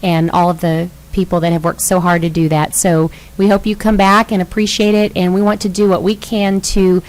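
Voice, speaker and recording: A middle-aged woman chairing a city council meeting, speaking in a gracious, measured, welcoming way. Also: on the low side, little pitch movement, a little mellow, low-quality recording.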